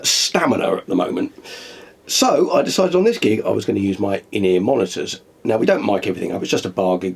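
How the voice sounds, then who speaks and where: With a breathy edge to his lowish, darkish voice, a middle-aged man who makes music videos chats to camera. His casual talk carries a dry streak of self-deprecating humour.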